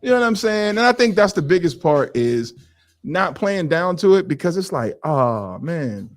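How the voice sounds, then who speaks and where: A man's voice: on the high side, moderate pace. A man in his forties co-hosting a podcast, telling stories casually and acting out other people's lines. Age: 40s. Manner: animated storyteller, acts out others' voices. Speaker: podcast co-host. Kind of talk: casual chat.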